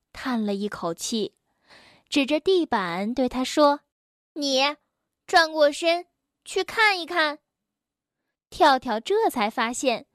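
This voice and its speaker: A woman narrating a children's bedtime story in a slow, gentle and animated way. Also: high-pitched, no echo, clean studio sound.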